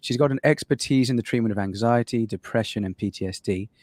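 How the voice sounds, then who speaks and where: A man's voice: medium pitch, fast talker, darkish tone, no room sound. A man moderating a webinar panel over a video call, upbeat and affirming as he introduces speakers.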